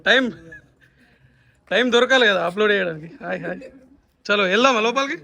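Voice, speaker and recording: A man's voice: sits high, fast, creaky, sharp tone. A young man, chatting and teasing friends and family while vlogging at a busy family function on a handheld camera. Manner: chatty, teasing, greets everyone in passing. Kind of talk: casual vlog chat with friends and family. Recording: chattering crowd behind.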